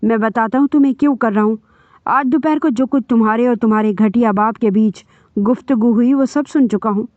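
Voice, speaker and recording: Lady reading as a harsh angry husband, bitter threats, kinda high voice, muffled dry audio. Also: dry recording, close to an everyday voice. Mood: shouting. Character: furious vengeful young husband, harsh and cold. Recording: dull dry lo-fi recording.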